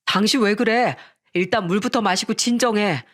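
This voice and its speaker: A woman voicing a worried young husband in a radio story reading, asking slow, concerned questions. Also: mid-range voice, a bit bright, lightly acted.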